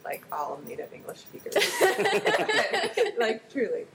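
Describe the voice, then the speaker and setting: A woman's voice: extremely high pitch, huge pitch swings, takes it slowly, gravelly, heavy background noise. A woman chiming in with enthusiastic asides as an interview guest. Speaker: guest improviser. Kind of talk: casual interview.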